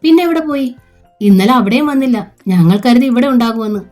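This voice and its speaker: A woman's voice: a little high, expressive, brisk, darkish tone, soft background music, voice pushed up, natural voice. A woman reading a novel aloud, voicing a blunt, indignant young sister-in-law who asks pointed questions.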